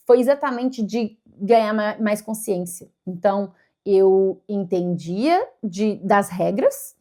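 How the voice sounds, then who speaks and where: A woman's voice: mid-range voice, darkish tone. A Brazilian woman talking casually to camera about learning English, thinking aloud as she explains step by step. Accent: Brazilian Portuguese.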